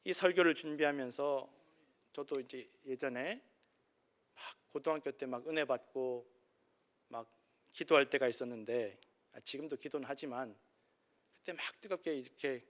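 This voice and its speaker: Korean pastor guy preaching, bright ringing voice, goes quiet then shouts. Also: medium pitch, moderate pace, pauses often. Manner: impassioned preaching, swinging between soft asides and loud cries. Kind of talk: sermon.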